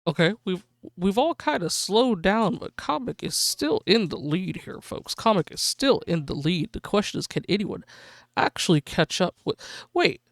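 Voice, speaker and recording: A woman hosting a live gaming stream, excitedly calling a race like a sportscaster for her viewers. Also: mid-range voice, normal speed, no room sound, clean studio sound. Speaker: livestream host.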